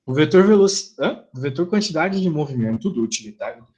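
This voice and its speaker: A man's voice: a little high, expressive, a little fast, darkish tone. A middle-aged Brazilian man teaching an online physics class, chatty, asking his students rhetorical questions.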